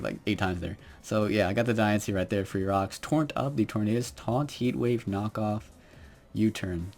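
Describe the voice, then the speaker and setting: A young man commentating his own Pokemon battle quietly, with lots of fillers and restarts. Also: lowish voice. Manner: quiet, hesitant, many fillers. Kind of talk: game commentary.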